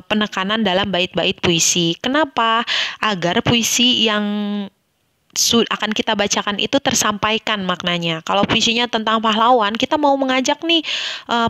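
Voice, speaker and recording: A woman teacher from Indonesia explains a lesson to young pupils in a patient, explanatory way. She often stops to correct herself. Her voice sits at an ordinary pitch, recorded close and dry with no room sound. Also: a bit bright, dry recording. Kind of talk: online class lesson.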